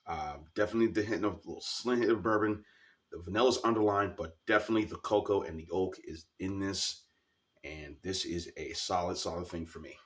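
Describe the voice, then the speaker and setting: A man's voice: deep voice, a little fast, far from the mic. A man with a scratchy, sore-sounding throat gives a casual, informal product review as a video host, repeating words for emphasis.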